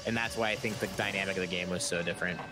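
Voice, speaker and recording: A man's voice: deep voice, steady tone, racing, over music. A man co-commentating a live esports match with dry, teasing humor.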